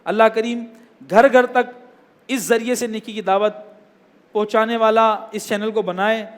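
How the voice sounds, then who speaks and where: A man preaching a sermon, swinging emphatically between loud appeals and hushed asides. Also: high voice, little pitch movement. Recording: hall reverb.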